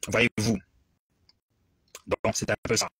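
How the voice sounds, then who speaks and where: Emphatic Congolese man, husky preaching voice. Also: fairly low pitch, little pitch movement, slow, fairly bright tone, no echo, poor audio. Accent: Congolese French. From Democratic Republic of the Congo. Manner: repetitive, emphatic, switching between French and English. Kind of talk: bilingual preaching address.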